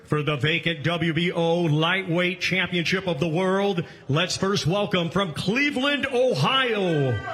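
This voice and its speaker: A man working as a ring announcer, hosting a boxing event with formal introductions and booming, drawn-out names. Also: steady tone, a bit bright.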